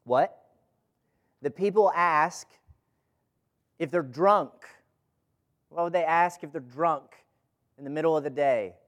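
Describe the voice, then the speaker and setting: Here a man with a fairly high, fairly bright voice talks slowly and pauses often as he leads a gathered group through Bible study. His preaching is informal and conversational, built around scripture reading, rhetorical questions, and emphatic repetition.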